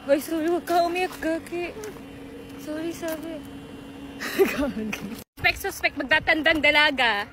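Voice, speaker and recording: Young woman vlogger from the philippines, high playful teasing voice, traffic noise behind. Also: animated, normal speed. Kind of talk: casual teasing chat.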